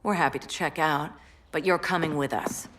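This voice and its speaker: A woman's voice: low-pitched, normal speed, very noisy, lightly acted. An actress playing a tough, wisecracking female superhero, brash and sarcastic. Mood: sardonic. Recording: game cutscene with loud music.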